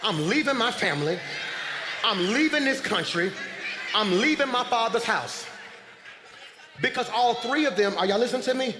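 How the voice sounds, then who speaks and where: A man preaching a sermon as pastor, swinging between shouted calls and low confiding asides. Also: expressive, moderate pace, long pauses, noisy background. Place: large church sanctuary. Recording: echoey church hall.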